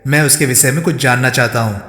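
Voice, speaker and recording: Man voicing bold male reporter, steady, confident, mid pitch, long reverb. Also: quick pace, natural voice. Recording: roomy echo, long reverb.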